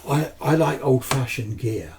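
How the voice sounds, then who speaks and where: Talking to camera, an enthusiastic British ham radio fan in his seventies rambles casually, posing questions and answering them himself. He speaks a little slowly at medium pitch, expressively and with vocal fry. The far-off microphone sits in a noisy background.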